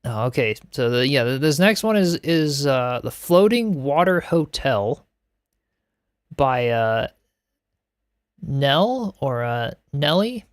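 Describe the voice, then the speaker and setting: A game streamer reacts to builds during a live stream, chatting upbeat with lots of laughs and filler words in casual commentary. His mid-range voice swings widely in pitch at a slow pace, with no room sound.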